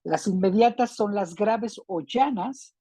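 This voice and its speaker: A woman teaching a class on spelling rules, speaking slowly and deliberately and repeating words with different stresses. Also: mid-range voice, mellow, slightly rough, no echo.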